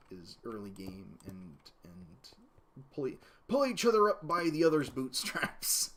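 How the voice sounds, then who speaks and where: A man streaming a game from home, chatting casually in a rambling way and reading viewer comments aloud. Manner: rambling, reads chat aloud, talks to baby in a high voice. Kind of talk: casual live-stream chat while gaming. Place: home, baby in lap. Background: keyboard clicks and typing.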